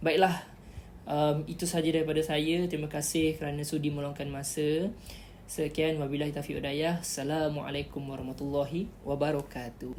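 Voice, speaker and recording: A woman's voice: low voice, warm tone, a little hiss or hum. A woman giving chatty, instructive tips in a casual tutorial vlog, repeating key words as she explains. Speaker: vlogger giving interview tips.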